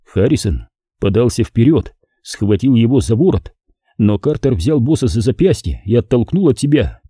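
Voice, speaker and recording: A man narrating an audiobook in an expressive, lively reading style. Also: mid-range voice, moderate pace, slightly rough, no room sound, clean studio sound. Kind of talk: scripted narration.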